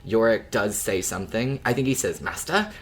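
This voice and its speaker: A podcast co-host with a medium-pitched, animated voice chats casually about an audio drama at a moderate pace. They ramble informally through their thoughts, letting the odd swear word slip.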